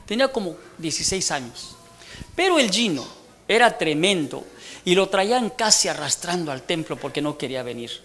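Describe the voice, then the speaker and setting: A man's voice: on the high side, a bit bright, a little hiss or hum. A man in his sixties with a Mexican accent, telling a humorous testimony in a church sermon and teasing the congregation. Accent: Mexican Spanish. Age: 60s. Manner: joking storyteller who teases the congregation. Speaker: preacher giving testimony.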